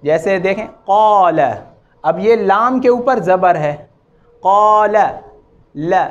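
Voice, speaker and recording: A man teaching Quran recitation rules, chanting examples with long drawn-out vowels and correcting common mistakes. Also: high-pitched, a bit bright, dull audio. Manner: draws out vowels and repeats examples slowly, then corrects. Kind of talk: slow, patient tajweed lesson with chanted examples.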